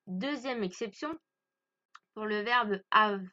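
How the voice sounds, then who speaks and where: A woman's voice: mid-range voice, slow, sharp tone, muffled recording. A woman from France teaching English grammar to French speakers, patiently stressing pronunciation and repeating each point.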